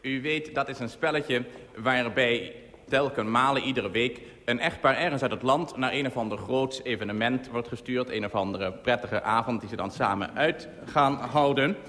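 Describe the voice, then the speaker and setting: A man's voice: medium pitch, normal speed, sharp tone. A man hosting a live radio game show in front of a studio audience, chatting and joking with the contestants. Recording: hall reverb, faint audience and hiss.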